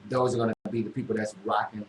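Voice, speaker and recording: A man hosting a casual interview on an internet radio show, talking in a relaxed, drawling way with many fillers. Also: fairly low pitch, fast. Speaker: radio host. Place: radio studio room. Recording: echoey room, faint noise.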